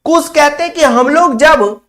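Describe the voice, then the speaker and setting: A man's voice: extremely high pitch, unhurried, fairly bright tone. A man from Bihar, teaching a Sanskrit class online and explaining the text word by word, repeating key points for his students. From Bihar, India.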